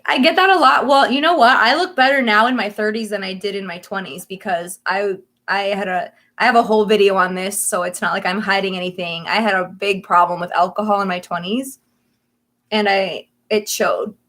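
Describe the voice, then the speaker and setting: A woman in her thirties talks casually to her livestream viewers in a voice of ordinary middle pitch. She is chatty and wanders from thought to thought, often breaking into laughs. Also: fairly quick, fairly bright tone. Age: 30s. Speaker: livestream host.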